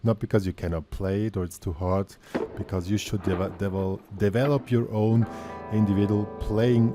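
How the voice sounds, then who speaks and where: Low-voiced male guitar teacher, chatty. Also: steady tone, moderate pace. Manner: chatty, self-deprecating, with frequent ums and restarts. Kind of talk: casual guitar lesson. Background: loud guitar playing.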